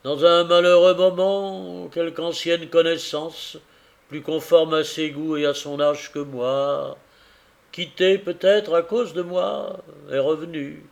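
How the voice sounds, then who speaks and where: A man reading aloud voices a heartbroken, humble carrier, speaking earnestly and slowly with a gravelly tone. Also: on the high side, fairly even intonation, voice pushed up. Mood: sorrowful. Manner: earnest, grieving, forgiving.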